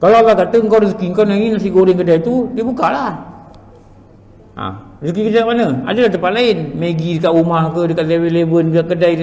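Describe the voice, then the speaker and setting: A man's voice: high voice, fairly even intonation, fast talker, darkish tone. A man teaching a religious evening lecture in a Malaysian Malay accent, asking rhetorical questions and answering them himself. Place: prayer hall. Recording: echoey hall, livestream.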